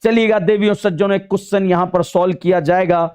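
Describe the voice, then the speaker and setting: A man teaching a chemistry lecture in a playful, sing-song way, teasing his students and slowly stretching out key words on his phrases. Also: high-pitched, fairly even intonation, a little mellow, smooth. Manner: addresses students with teasing nicknames.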